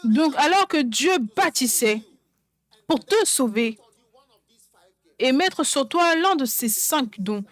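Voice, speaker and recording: A woman's voice: high voice, lively intonation, slow, pauses often, no echo. Emphatic woman preacher, dry sound. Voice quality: songwriter speaking of her own songs. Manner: emphatic, repeats phrases for stress. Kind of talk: sermon.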